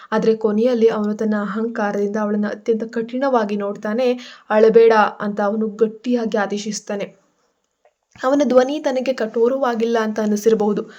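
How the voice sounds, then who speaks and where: A woman narrating a scripted story with a steady, expressive reading. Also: mid-range voice, lo-fi sound.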